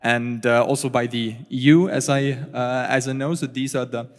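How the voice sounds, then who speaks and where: A man's voice: mid-range voice, little pitch movement. Man speaking in a reverberant hall. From Austria. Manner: halting, many fillers and restarts. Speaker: panelist, researcher. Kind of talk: conference panel talk. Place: conference hall. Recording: long reverb of a conference hall.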